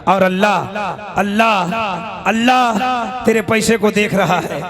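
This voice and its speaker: High-voiced man exhorting a crowd. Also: slow pace. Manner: loud, coaxing and exhorting, breaking into shouts. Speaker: Islamic preacher raising funds at a religious gathering. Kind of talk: fundraising appeal at an open-air religious meeting.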